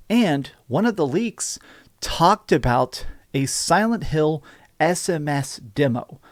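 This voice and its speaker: An American man giving enthusiastic gaming news commentary in an excitable, emphatic, gushing way. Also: mid-range voice, dry recording, studio quality. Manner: excitable, emphatic, gushing with repeated words and hyperbole.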